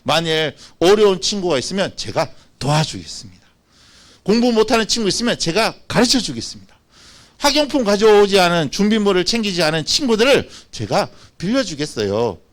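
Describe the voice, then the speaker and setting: A man's voice: high-pitched, very animated, brisk. A man voicing an eager, polite schoolchild. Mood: earnest. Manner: formal, dutiful promises.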